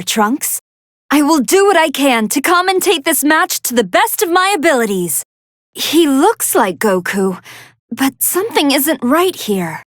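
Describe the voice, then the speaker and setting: A woman voicing a gentle, earnest young female android scientist who gives polite, precise fight commentary in a video game. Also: high-pitched, no echo, studio quality, heavily acted. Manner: polite, precise, analytical, expressive. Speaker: match commentator.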